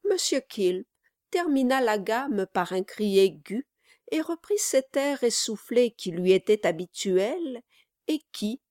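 A woman narrating a classic novel as an audiobook, in a measured literary tone. Her voice sits slightly high and her reading is very unhurried. The recording is close and completely dry. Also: very animated, a little mellow, no room sound.

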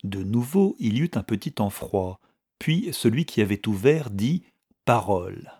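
A man reading a novel aloud as narrator, measured and steady. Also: medium pitch, breathy edge.

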